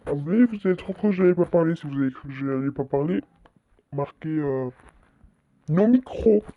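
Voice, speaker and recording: A man's voice: a little high, dry recording. Stammering chatty guy, dull dry mic. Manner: stammers a little, halting and chatty. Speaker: channel host. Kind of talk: casual screen-recording commentary.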